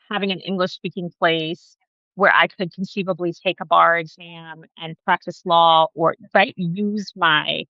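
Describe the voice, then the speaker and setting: Guest woman, born in Guyana, lowish voice, chatty and explanatory, muffled video-call sound, dry. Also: creaky, bright, forceful tone, no echo. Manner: conversational, frequent "right?" asides. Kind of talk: casual interview conversation.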